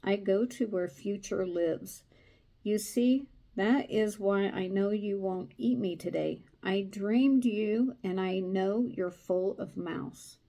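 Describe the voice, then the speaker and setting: Slow soft knowing old-soul lizard guy from a storybook, a lady just reading him out, mellow low-key tone. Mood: calm, knowing. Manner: read aloud from a card book. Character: calm knowing male desert lizard, a dreamer.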